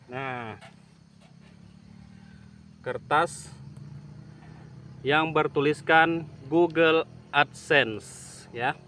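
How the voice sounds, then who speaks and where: A man talking casually to camera in a vlog outdoors at a plantation, slow and halting with many fillers. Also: mid-range voice, pushed and bright, a little hiss or hum. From Indonesia. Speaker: YouTube channel owner. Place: outdoors at an oil palm plantation. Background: insects and rural outdoor ambience.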